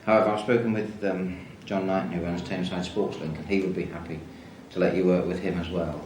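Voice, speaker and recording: Deep-voiced man in an echoey office. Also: fairly even intonation, darkish tone. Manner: measured, hesitant, with fillers. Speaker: school staff member. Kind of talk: formal talk in an office. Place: school office. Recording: echoey room, far from mic, noisy.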